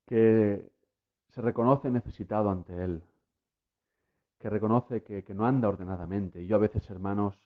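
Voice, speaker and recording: A man preaching a sermon to listeners at home, emphatic, with repeated refrains that build to impassioned peaks. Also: lowish voice. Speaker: lay preacher. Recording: tinny phone-like sound.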